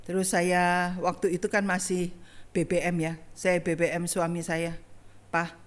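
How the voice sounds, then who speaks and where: A middle-aged woman evangelist, telling a personal story in a sermon and talking straight to the congregation. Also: medium pitch. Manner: conversational, addresses congregation directly. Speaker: evangelist preacher. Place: church online service.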